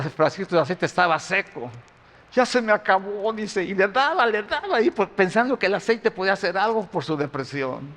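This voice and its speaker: A male pastor preaching a sermon, moving between loud emphasis and quiet intensity. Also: high-pitched, big-room sound.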